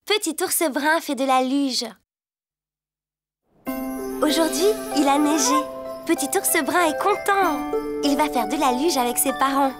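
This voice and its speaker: Sweet, high children's singer woman. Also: a little slow, pauses often. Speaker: singer and narrator. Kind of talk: children's theme song and story narration. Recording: cartoon soundtrack with loud music.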